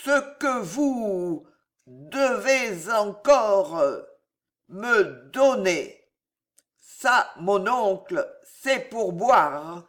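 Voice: medium pitch, expressive, voice pushed up. A reader voicing a drunken, greedy young nephew in a French storybook, slurring and drawing out his words. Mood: insistent. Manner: slurred, drawn-out, wailing.

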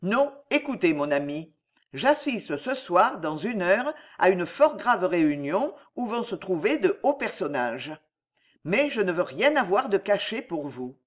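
A woman's voice: mid-range voice, very animated, unhurried. A woman voicing an ardent young nobleman who speaks earnestly, in an audiobook reading.

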